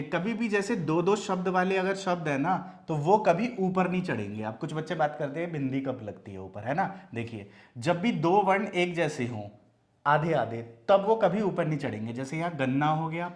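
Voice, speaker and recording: A man's voice: a little high, expressive, normal speed. A man teaching Hindi spelling who keeps asking rhetorical questions to his students. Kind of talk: classroom explanation.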